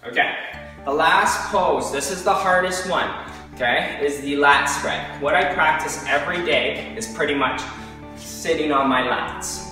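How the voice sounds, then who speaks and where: A man's voice: a little high, a little slow, pushed and bright. Very echoey, distant male fitness coach. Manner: informal, imperative coaching in short cues. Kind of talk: instructional workout demonstration with counting and cues. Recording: very echoey, distant, music over voice. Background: music.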